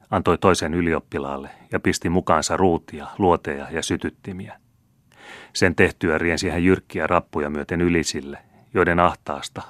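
A man reading an audiobook in measured, even storytelling narration. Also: deep voice, dry recording. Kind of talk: scripted narration.

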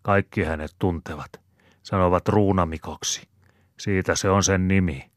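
A sly old country yarn-spinner, voiced by a man, chuckling his way through a bawdy tale. The voice sits very low and rumbling, and the recording is close and dry. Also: steady tone, no room sound, lightly acted. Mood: yarn-spinning. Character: bawdy old rustic male storyteller, sly.

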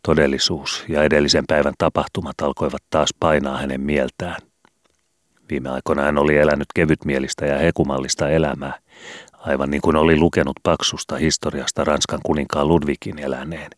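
A man reads a storybook aloud in a measured, even narrating voice. His voice sits very deep, and the recording is dry and close with no room echo. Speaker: audiobook reader. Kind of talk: scripted audiobook narration.

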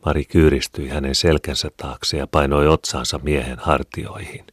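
A man reading a classic novel aloud as an audiobook narrator, calm and measured. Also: a bass voice, husky, dry recording, clean studio sound. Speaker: audiobook reader.

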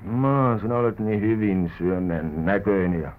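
An actor playing a penniless, worldly drifter in a vintage radio drama, talking wryly and theatrically with stray English words. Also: male voice, on the low side, a little hiss or hum, lightly acted. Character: poor wandering drifter man, wry and worldly. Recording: tinny old radio broadcast recording.

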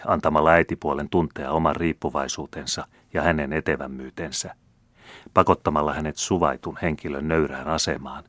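A man reading an audiobook as narrator, in a measured, even manner. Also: rumbling low, dry recording. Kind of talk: scripted narration.

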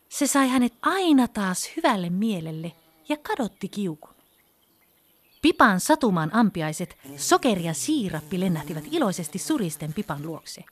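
A woman telling a children's fairy tale in an expressive, storybook way. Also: mid-range voice, no echo. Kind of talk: children's bedtime story reading.

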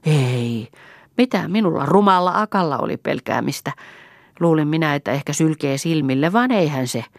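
A woman reading an impulsive, talkative young village woman in an audiobook, lively and emotional. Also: deep voice, no room sound, studio quality. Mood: chatty. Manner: lively and chattering, quick to laugh and cry.

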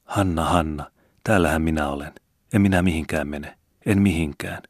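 A tormented, wrathful middle-aged farmhand with clipped, hissing outbursts, as a male reader plays him. His voice sits extremely low and sounds dry and close. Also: no echo. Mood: tender.

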